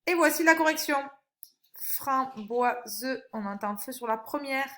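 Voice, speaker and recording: Woman, school teacher, phonics lesson, slightly high voice, drawn-out single words. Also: animated, sharp tone. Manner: slow, clear, encouraging instructions to a child; stretches out single words when reading them aloud. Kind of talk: recorded phonics lesson for young children.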